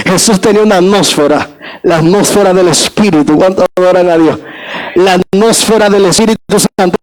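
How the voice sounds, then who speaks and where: High-voiced man preaching a fiery sermon. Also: poor audio. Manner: preaching with shouted emphasis and repeated calls to the congregation. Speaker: pastor.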